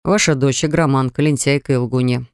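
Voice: mid-range voice, steady tone, a little fast, clear, resonant tone, no room sound, clean studio sound, pitched below the performer's own voice, close to an everyday voice. A woman reader voicing a young husband who speaks curtly and sternly, in an audiobook story. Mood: cold, stern. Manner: curt, stern. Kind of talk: audiobook character voice.

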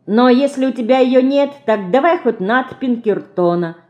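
A woman reading an audiobook, voicing a lively, stubborn little girl who pleads and bosses. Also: a little high, moderate pace, pitched above the performer's own voice, natural voice. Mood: eager. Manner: eager, pleading, bossy.

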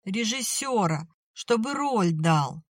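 A woman's voice: lively intonation, takes it slowly, breathy edge, no echo, clean studio sound. Woman putting on a sobbing defiant young girl. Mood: pleading. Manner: tearful, pleading, high-strung.

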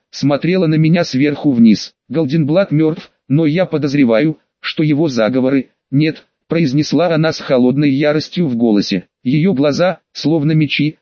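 A man's voice: a little high, no room sound. Man reading an audiobook, dull dry audio. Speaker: audiobook reader. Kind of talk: audiobook narration.

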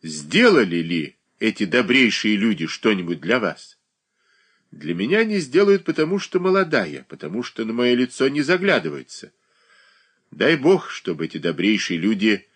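A man's voice: on the low side, big pitch swings, moderate pace, a bit bright, slightly rough, exaggerated voice. A man doing a bitter, scornful young woman.

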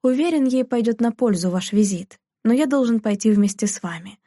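A woman reading aloud, voicing a male doctor who speaks in a measured, firm way. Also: a little high, lively intonation, mellow, no echo, clean studio sound. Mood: firm calm. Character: calm, serious family doctor, man.

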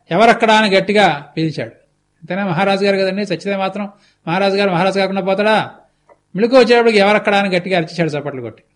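A man giving a televised religious discourse, retelling a scripture story with explanatory asides and a conversational touch. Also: high voice. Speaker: spiritual discourse speaker.

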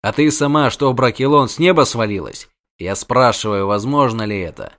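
A man voicing a gruff, terse monster hunter. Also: mid-range voice, animated, normal speed, fairly bright tone. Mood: stern questioning.

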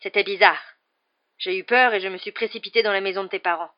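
A hoarse, haunted escaped man, as a woman reading a storybook puts him on, speaking in a rough low voice. The recording sounds dull and muffled. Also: fairly even intonation, fairly quick, lightly acted. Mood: remorseful.

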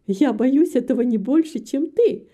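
A proud, self-assured young lady, as a woman reader puts her on from a storybook. She speaks with a haughty edge, somewhat higher and louder than the narration, in a dark, mellow tone. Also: lively intonation, a little slow.

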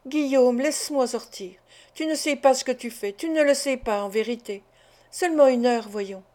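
A desperate young woman from a storybook, pleading and insistent, begging again and again, as a woman narrator reads her. Her voice sits high, a touch above the narration. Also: moderate pace, darkish tone, lightly acted.

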